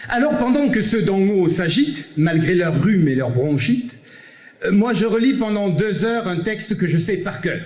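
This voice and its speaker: A man's voice: high voice, big pitch swings, normal speed, darkish tone, echoey room. A man with a Provençal French accent performing a one-man comedy show, chatting theatrically with the audience and slipping into solemn recitation, recorded on an amateur camera in a theatre. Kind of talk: stand-up monologue with poetic recitation. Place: theatre stage.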